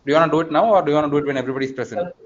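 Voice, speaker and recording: A man chatting casually and haltingly on an online call. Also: fairly high pitch, steady tone. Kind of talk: casual chat. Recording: echoey, muffled, choppy noisy internet call.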